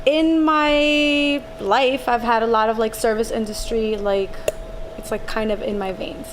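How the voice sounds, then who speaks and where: A woman from Colombia, raised in Miami, talking casually as a guest about her work managing a nightclub, full of "like" and lively storytelling. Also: fairly high pitch, unhurried, noisy background. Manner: chatty, frequent "like", animated storytelling. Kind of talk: casual podcast interview.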